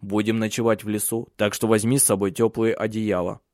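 A man voicing a steady, protective husband and father in an audiobook. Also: fairly low pitch, brisk, no room sound, clean studio sound, lightly acted. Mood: urgent. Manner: firm, commanding.

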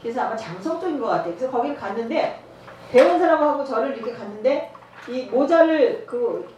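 A woman preaches in a church, telling a story and acting out dialogue with lots of laughter. Her voice is fairly high and swings widely in pitch. The recording echoes heavily and is picked up from a distance, with faint noise behind it. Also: lively intonation, brisk, mellow. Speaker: evangelism trainer. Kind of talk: sermon with personal testimony.

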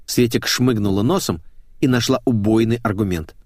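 A man narrating an audiobook in the first person, measured and expressive, on a close studio mic. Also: on the low side, dry recording.

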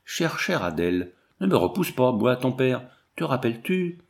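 A man's voice: mid-range voice, big pitch swings, normal speed, creaky. A man voicing a grief-stricken father who pleads fervently with his lost daughter. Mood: pleading.

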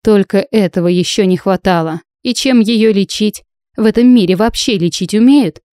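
A woman's voice: mid-range voice, normal speed, dark tone, no echo, clean studio sound, lightly acted. A woman reading a teasing male companion.

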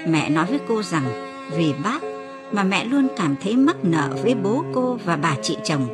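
A woman narrating an audiobook novel in an expressive reading voice. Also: on the low side, moderate pace, over music. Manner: expressive reading, lifts her voice for quoted cries.

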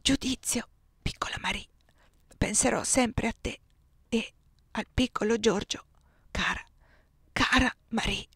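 A woman voicing a dying, delirious male general in a whispered role-play, breathy and halting. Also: on the high side, a little mellow, no echo, studio quality, voice pushed up. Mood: faint, pleading.

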